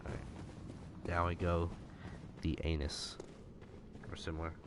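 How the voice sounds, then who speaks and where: A man's voice: low voice, level tone, measured pace, background noise. A young man casually commenting while playing a video game, musing and trailing off mid-thought. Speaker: gameplay streamer. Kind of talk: casual let's-play commentary. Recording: loud game sounds behind the voice.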